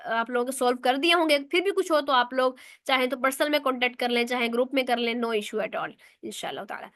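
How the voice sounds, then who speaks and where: A woman's voice: high-pitched, a bit bright, no echo, clean studio sound. A woman teaching a recitation lesson online in speech, explaining step by step and answering her own questions.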